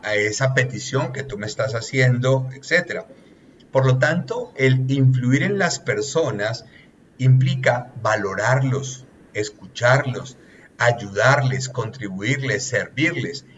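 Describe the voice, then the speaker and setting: A man of middling pitch talks through ideas like a coach, patient and earnest, ticking off points and trailing lists with "etcétera". The sound is dull and lo-fi, with a faint hiss underneath. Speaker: relationships consultant, guest. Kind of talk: explanatory coaching talk.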